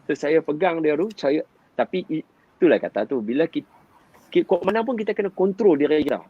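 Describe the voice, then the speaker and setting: A man, telling a story in an animated way and often turning to address his listener directly. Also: fairly high pitch, brisk, breathy edge, no echo, lo-fi sound. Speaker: guest father sharing parenting experience. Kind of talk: storytelling in conversation.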